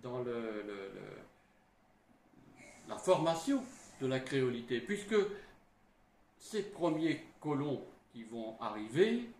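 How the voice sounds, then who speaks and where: Slow, lively middle-aged man historian. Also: medium pitch, a little hiss or hum. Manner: halting, frequent "hein" and restarts. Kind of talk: explanatory talk. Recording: roomy with faint ambience.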